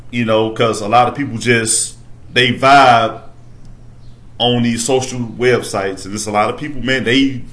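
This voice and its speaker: A man in the middle of the usual pitch range hosts a casual talk show. He hypes his guests with loud, cheerful introductions and then settles into a loose, rambling flow. He often stumbles over words and starts them again. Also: fairly even intonation, unhurried. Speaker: podcast host. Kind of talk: casual chat.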